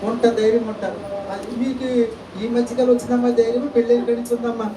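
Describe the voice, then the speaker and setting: A man's voice: very high voice, flat delivery, quick pace, background noise. A male pastor preaching a church sermon, peppering it with rhetorical questions and calls of amen and hallelujah. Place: church hall. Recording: echoey church, distant mic, faint ambience.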